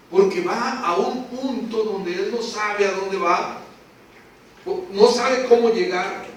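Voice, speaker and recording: A man preaching a sermon, emphatic, swinging from hushed to shouting and asking rhetorical questions. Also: high-pitched, a little hiss or hum. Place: church hall. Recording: echoey hall, mic at a distance.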